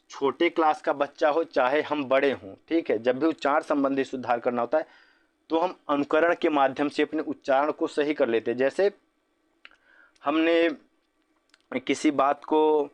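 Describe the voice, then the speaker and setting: A man's voice: on the high side, a little slow. A man teaching an exam-prep lesson on language teaching, explaining each answer option and often checking in with "ठीक है". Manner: explanatory, repeats points with "ठीक है".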